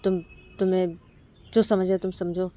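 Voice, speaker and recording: A woman voicing Shruti, a defensive, quick-tempered young woman who repeats herself insistently. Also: fairly low pitch, level tone, dark tone, close to an everyday voice. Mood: pleading.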